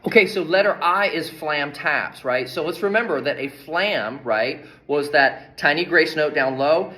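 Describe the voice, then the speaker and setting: Man teaching drum rudiments, higher voice. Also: a little slow, bright, forceful tone. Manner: counts beats aloud, often adds "right?". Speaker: percussion teacher. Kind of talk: instructional demonstration. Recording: drums playing between spoken lines. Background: drum playing.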